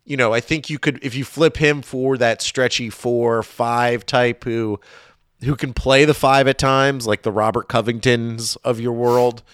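A man's voice: mid-range voice, fairly even intonation, a little slow, fairly bright tone, smooth, no room sound, studio quality. A man co-hosting a sports podcast, talking things through casually with fillers and restarts. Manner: conversational, thinking aloud with fillers. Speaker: podcast co-host.

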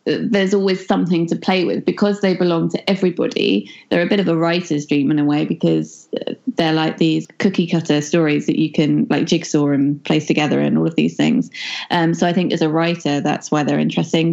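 Woman guest, enthusiastic and rambling, low fry-edged voice. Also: darkish tone. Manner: enthusiastic, rambling, with self-corrections. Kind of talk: casual interview chat. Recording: dull, muffled audio.

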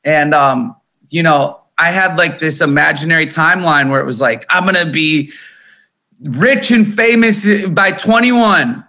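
Measured in pace and fairly high in pitch, a Minnesota man in his thirties speaks as a guest musician being interviewed. He's candid, animated and emphatic, and he swears freely.

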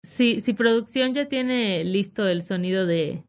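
A Mexican woman in her thirties, co-hosting a podcast with playful, teasing, expressive chat. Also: mid-range voice, a little slow, slight background noise. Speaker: podcast co-host. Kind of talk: casual chat.

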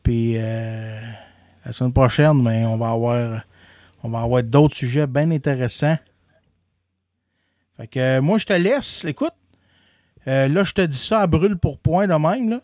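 A man's voice: medium pitch, a little slow, long pauses, darkish tone, dry recording, studio quality. A man with a Québécois French accent hosting a podcast in casual chat, rambling with many restarts and fillers. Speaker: podcast host.

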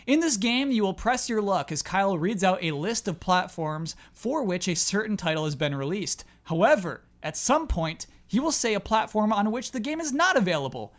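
A man with a notably high speaking voice hosts a gaming podcast. He talks in a casual, conversational style and also reads out quiz questions for the others. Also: big pitch swings, normal speed, hardly any pauses. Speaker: podcast host and quiz reader.

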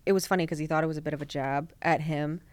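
A woman's voice: low voice, fairly even intonation, fast. A woman in her twenties hosting a podcast, chatting casually and telling stories in which she acts out what other people said, laughing often. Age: 20s. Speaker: podcast host. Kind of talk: casual chat.

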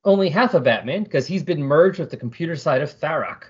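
A man's voice: a little high, expressive, brisk, slightly rough, lo-fi sound. A male podcast co-host chatting about a comic issue and reading its captions aloud. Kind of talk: casual comic book discussion.

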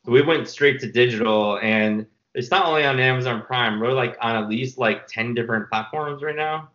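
Male filmmaker guest, bright voice, rambling casual storytelling, slightly muffled audio. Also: mid-range voice, moderate pace, reverberant. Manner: rambling, restarts with many fillers.

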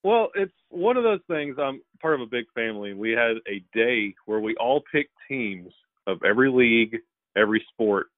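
A man's voice: medium pitch, expressive, moderate pace, no echo. A man from Alabama chatting casually as a fan guest in an interview, heard over a narrow call connection. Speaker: podcast guest, hockey fan. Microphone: remote call. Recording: narrow phone-like call audio.

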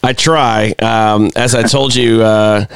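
Male talk show host, smooth clear voice, friendly and rambling, close and dry. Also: lowish voice, fairly even intonation, slow pace, no echo. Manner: friendly, rambling, self-deprecating.

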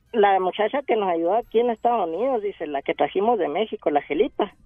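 Guy calling in with a joke, high pitched, thin phone sound, dry. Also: dry recording. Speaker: caller. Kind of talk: telling a joke on a call-in show. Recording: dry tinny phone line.

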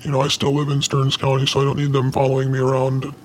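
A man's voice: medium pitch, monotone, fast. An anonymous former sheriff's office insider, a man whose voice is distorted to disguise his identity, speaking bluntly in an interview.

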